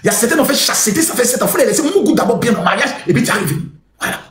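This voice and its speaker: A man, hosting a mocking live-stream monologue, often shouting and acting out other voices. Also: very high-pitched, lively intonation, rapid-fire, roomy sound, a little hiss or hum.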